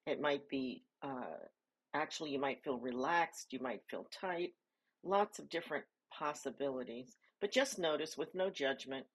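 A deep-voiced woman with a husky quality guides a body scan meditation, offering gentle, calm directions with breaks between each phrase.

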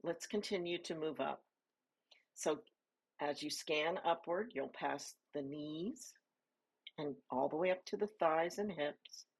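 A woman leading a guided body scan meditation, giving soft, calm instructions with pauses between phrases. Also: deep voice, breathy edge, low-quality recording.

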